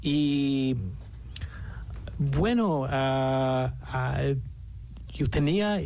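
A middle-aged or older man from New York, a native English speaker with an American accent in Spanish, talking haltingly as an interview guest and searching for words. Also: medium pitch, lively intonation, darkish tone, clear, resonant tone. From New York City, United States.

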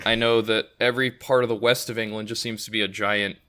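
A man's voice: on the low side, level tone, fast talker, sharp tone. A man co-hosting a casual podcast, talking in long, rambling thoughts with frequent self-corrections and wry asides. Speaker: podcast co-host. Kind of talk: casual chat.

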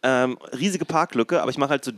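A man co-hosting a podcast, telling stories in animated, casual banter. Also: medium pitch, no room sound, clean studio sound. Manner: fast storytelling, animated, swears. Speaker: podcast co-host.

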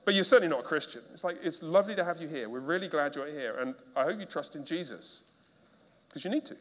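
A man's voice: a little high, lively intonation, fast talker. Emphatic male pastor preaching in a reverberant hall. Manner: emphatic, with repeated rhetorical questions. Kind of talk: sermon. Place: church.

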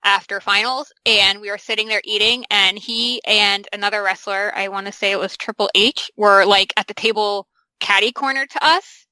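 A woman's voice: medium pitch, fairly even intonation, moderate pace, pushed and bright, clear, resonant tone, no room sound, low-quality recording. A woman in her thirties chatting casually as a podcast co-host, rambling through stories with plenty of fillers. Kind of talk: casual chat about comic films.

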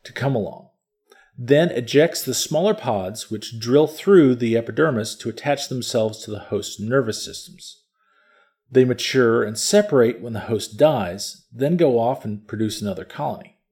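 A man's voice: mid-range voice, normal speed, darkish tone, natural voice. An actor playing a smug male field scientist who explains things in a matter-of-fact, lecturing way. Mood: explaining. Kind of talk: audiobook character reading.

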